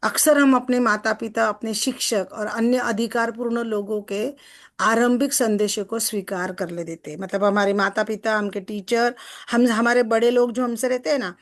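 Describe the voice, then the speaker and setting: A woman success coach explaining a text to a group in a chatty way, often asking listeners for agreement and slowing down to read passages aloud. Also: on the high side, steady tone. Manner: chatty, asks listeners for agreement with tag questions; slows down when reading passages aloud.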